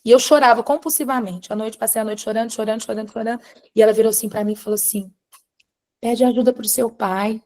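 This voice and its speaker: A woman from Brazil, teaching a live class through animated, confiding personal storytelling and calling students by name. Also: fairly high pitch, rapid-fire. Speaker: course instructor.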